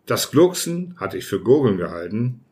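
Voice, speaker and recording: A man narrating an audiobook in the first person, reading in a measured, even way. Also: fairly low pitch. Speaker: audiobook reader.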